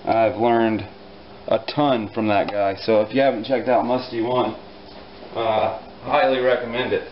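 Man, home garage repair tutorial, relaxed dry humor, lots of fillers, faint background noise. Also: medium pitch, a little slow, highs cut off. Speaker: repair instructor. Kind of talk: casual hands-on repair tutorial.

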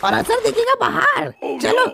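A woman voicing a feisty, scheming old granny in a cartoon dub, scolding and exclaiming in a creaky old-lady voice. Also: very high voice, big pitch swings, unhurried, slight background noise, full character voice. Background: loud background music.

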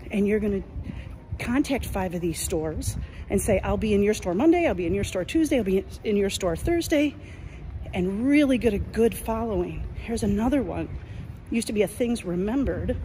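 A middle-aged woman with a warm, mid-range voice films a walking selfie vlog on a phone held at arm's length, strolling through a large indoor shopping mall. Acting as a business coach, she's chatty and enthusiastic, pointing things out as she goes. A little hiss or hum sits under the audio.

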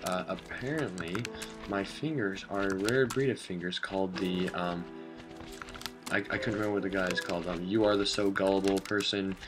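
A young man giving casual, rambling gameplay commentary with deadpan absurd jokes. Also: low voice. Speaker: gaming vlogger. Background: game music.

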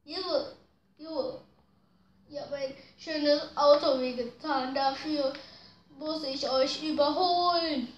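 Woman, gameplay commentary, slangy, excitable, unhurried, echoey room. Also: sits high, slight background noise. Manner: slangy, excitable, groans and pleads at the game. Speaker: gaming video host. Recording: roomy echo.

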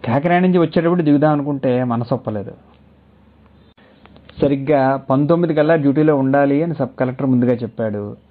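A man voicing a gentle young husband who speaks softly and consolingly in a storybook reading. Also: mid-range voice, brisk, close to an everyday voice. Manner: soft, consoling. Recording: tinny phone-like audio.

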